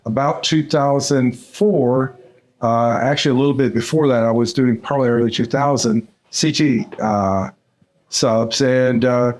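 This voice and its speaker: An older man from Central Arkansas, a dental surgeon answering podcast interview questions in an unhurried way, with frequent "uh" fillers. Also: mid-range voice, a little mellow. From Central Arkansas, USA. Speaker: dental surgeon and course mentor.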